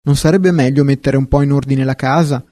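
A man's voice: mid-range voice, normal speed, warm tone, no echo, clean studio sound, lightly acted. A man reading as a bossy shopping basket, irritated and wanting to give the orders. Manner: irritated and domineering. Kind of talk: storybook reading.

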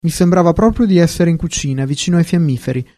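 A man's voice: fairly high pitch, fast talker, warm tone, pitched above the performer's own voice, lightly acted. A man reading as a gracious queen, approving and pleased. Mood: delighted. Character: gracious fairy-tale queen, delighted. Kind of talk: storybook reading.

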